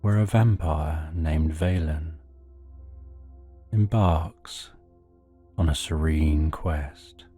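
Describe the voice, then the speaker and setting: A man narrating a sleep story as a slow, soothing, hushed guided relaxation, with soft music and rain behind him. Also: very deep voice, husky. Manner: soothing, unhurried, hushed delivery.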